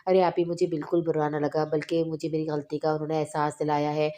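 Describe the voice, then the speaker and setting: Female reader doing a soft-spoken young bride, contrite, even tone. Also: low-pitched, fast, slight background noise, close to an everyday voice. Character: young bride, shy and apologetic.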